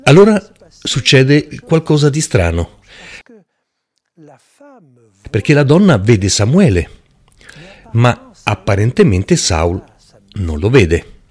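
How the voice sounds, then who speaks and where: A man preaching a Bible-teaching sermon in an emphatic, deliberate, rhetorical way. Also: mid-range voice, big pitch swings, slightly rough.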